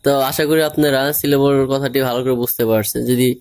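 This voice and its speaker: A man teaching English grammar in an informal classroom style, explaining slowly and spelling words out letter by letter. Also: medium pitch, fairly even intonation, darkish tone.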